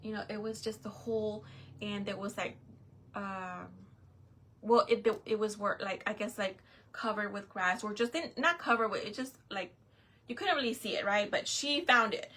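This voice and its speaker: A woman's voice: medium pitch, moderate pace, pushed and bright. A middle-aged woman telling a rambling story in a casual, chatty way, full of fillers and restarts. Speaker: vlogger.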